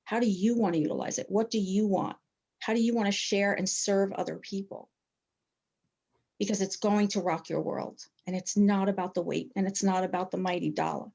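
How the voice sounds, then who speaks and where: A woman's voice: mid-range voice, steady tone, moderate pace, gravelly, a little mellow, highs cut off. A middle-aged woman coach sharing on a group video call, emotional and earnest as she encourages newer members. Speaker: health coach.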